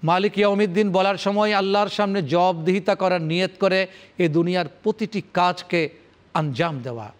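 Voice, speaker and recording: Solemn male scholar with a fairly high voice. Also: normal speed. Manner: recites Arabic verses, then explains them in rhythmic, repetitive phrases; formal, solemn address to the audience. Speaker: Islamic scholar presenting Quran commentary. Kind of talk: televised religious lecture.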